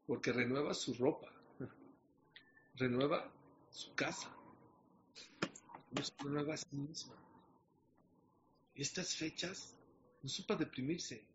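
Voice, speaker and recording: A man's voice: a little high, slow pace, long pauses, muffled recording, a little hiss or hum. A man preaching a sermon, telling a parable and asking his listeners questions. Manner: storytelling with questions to the audience.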